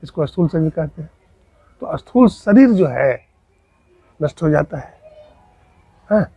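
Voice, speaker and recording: Male spiritual teacher, sermon, husky voice and a bit high, dry close sound. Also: very animated, measured pace, dark tone, no echo. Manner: storytelling, asks rhetorical questions. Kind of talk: Hindi sermon with acted dialogue.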